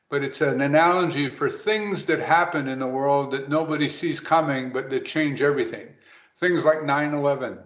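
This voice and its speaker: Guy rushing thru a webinar talk for advisors, kinda high voice, echoey room. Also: fairly bright tone. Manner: brisk, rapid delivery. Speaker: presenter to financial advisors. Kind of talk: webinar presentation. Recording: roomy, dull lo-fi audio.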